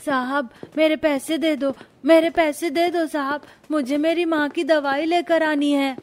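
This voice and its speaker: A poor little cartoon boy speaks in a very high, shrill, childlike voice. He sounds eager and pleading, his words pushed up high and thin. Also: steady tone, a little slow. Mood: frightened. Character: young boy, poor and frightened, devoted son. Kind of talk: cartoon story voice acting.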